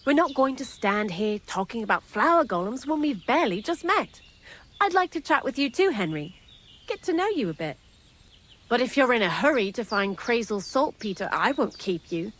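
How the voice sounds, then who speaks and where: A woman's voice: on the high side, very animated, moderate pace, fairly bright tone, slight background noise. A chatty, wry female thief. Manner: talkative, sardonic, gossipy. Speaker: miller's thief accomplice in a game. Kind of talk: video game dialogue.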